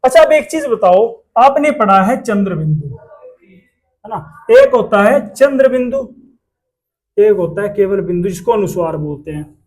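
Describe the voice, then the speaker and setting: A man's voice: sits high, big pitch swings, measured pace, darkish tone. A man teaching a class, asking questions and repeating the answers himself. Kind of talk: classroom lesson.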